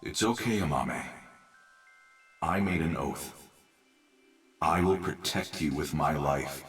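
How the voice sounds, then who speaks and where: A man voicing a gentle, devoted sworn protector in a game, with the solemn reassurance of a guardian spirit. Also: a bass voice, slow, soft background music. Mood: solemn, soothing. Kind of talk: scripted game acting. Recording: distant, echoing reverberant hall sound.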